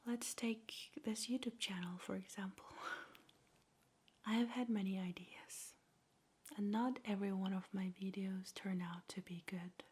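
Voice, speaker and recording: A woman guides a meditation in ASMR style, whispering softly and breathily at a slow, gentle pace with measured pauses. Her mid-range voice keeps a fairly even intonation.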